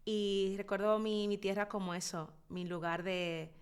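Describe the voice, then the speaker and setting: A Dominican woman in her thirties, a psychologist guest telling her life story in an interview, expressive and reflective, pausing often as she thinks. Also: mid-range voice, smooth. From Dominican Republic. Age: 30s. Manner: expressive, reflective, with frequent hesitations.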